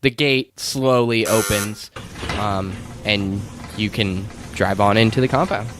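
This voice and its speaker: A man's voice: lowish voice, slow, noisy background. A man narrating as game master, describing scenes with frequent ums and uhs. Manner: descriptive with many fillers.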